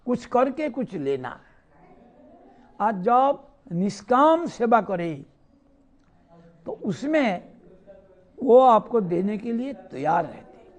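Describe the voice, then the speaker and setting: A man giving a devotional discourse, telling scripture stories and asking questions he then answers himself. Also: very high-pitched. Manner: poses rhetorical questions and answers them himself. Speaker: spiritual teacher giving a discourse.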